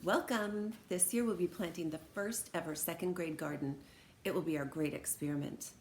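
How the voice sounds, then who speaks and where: A woman's voice: lowish voice, normal speed, natural voice. A woman voicing a patient, good-humoured, knowing second-grade teacher in a storybook, with an encouraging, instructive manner. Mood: welcoming. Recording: roomy echo, background noise.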